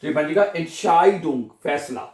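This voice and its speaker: A male language teacher giving a slow classroom lesson, drilling each word and phrase over and over and asking his viewers questions before he answers them. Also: a little high, darkish tone, roomy sound. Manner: drills words slowly, repeating each phrase.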